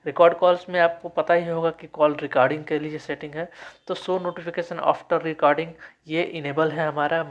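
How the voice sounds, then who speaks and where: A man giving a step-by-step phone settings tutorial, reading menu labels out slowly and correcting himself often. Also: on the high side, lo-fi sound. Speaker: tech tutorial host. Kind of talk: screen-recorded phone settings walkthrough.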